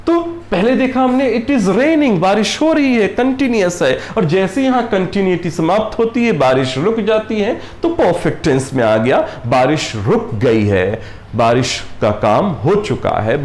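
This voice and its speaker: A man giving a grammar lesson, repeating his points, calling viewers friends and reading English example sentences slowly. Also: medium pitch, darkish tone. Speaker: English teacher. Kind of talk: classroom-style grammar lesson. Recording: echoey room.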